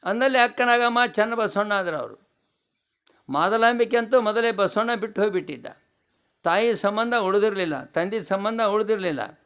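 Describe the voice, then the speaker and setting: A man's voice: sits high, normal speed, a bit bright, clean tone. A man with a North Karnataka Kannada accent giving a devotional discourse, asking the audience rhetorical questions and repeating key phrases. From North Karnataka, India. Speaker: swami preaching a pravachana.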